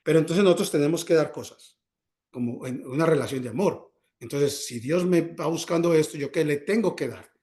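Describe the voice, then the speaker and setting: A man delivers a sermon in a slightly high voice, stopping to quiz his listeners on the words he just said. He often repeats words and restarts his sentences. He acts out prayers and small dialogues as he goes. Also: a little fast, warm tone. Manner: call-and-response questions, repeats words when searching. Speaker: preacher.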